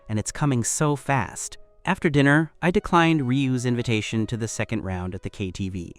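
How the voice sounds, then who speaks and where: A man narrating a story recap in first person, in a steady scripted storytelling read. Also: medium pitch.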